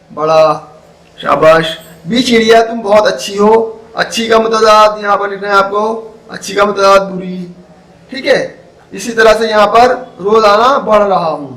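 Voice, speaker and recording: Patient male teacher with a higher voice. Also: a bit bright, poor audio. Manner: patient, explaining and praising pupils; reads out sentences and quizzes the class. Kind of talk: online school lesson.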